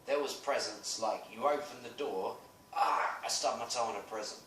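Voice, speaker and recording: A man's voice: medium pitch, moderate pace, echoey room, recorded from a distance, slight background noise. Swearing British man in his thirties. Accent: British English. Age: 30s. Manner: animated, swearing, storytelling. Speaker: podcast co-host. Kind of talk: casual chat.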